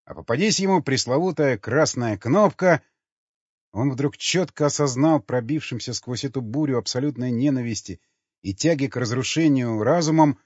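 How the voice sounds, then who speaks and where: Male audiobook narrator, steady measured read, mid pitch; dry close sound, a bit lo-fi. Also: breathy edge, dry recording. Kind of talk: scripted narration. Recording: dry, slightly dull recording.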